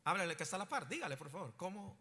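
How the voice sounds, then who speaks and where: Male pastor, fairly high voice, church hall reverb. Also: sing-song, very fast, pushed and bright. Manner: rising to emphatic preaching bursts, asks the congregation questions. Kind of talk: sermon.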